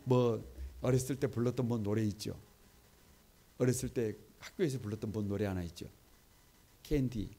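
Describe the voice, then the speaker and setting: A man's voice: fairly low pitch, normal speed, pauses often, dark tone. A middle-aged man preaching a Korean midweek Bible sermon, leading the congregation in repeating lines and asking rhetorical questions. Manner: call-and-response preaching, asks the congregation to repeat; conversational and emphatic, often rhetorical questions. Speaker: pastor.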